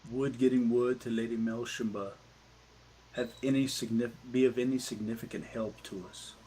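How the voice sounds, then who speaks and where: A man's voice: medium pitch, steady tone, moderate pace, mellow, slight background noise, poor audio. A man with an ordinary mid-range voice plays in a tabletop game. He weighs his questions with care and slips in dry jokes. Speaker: player. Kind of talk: casual banter at a game table.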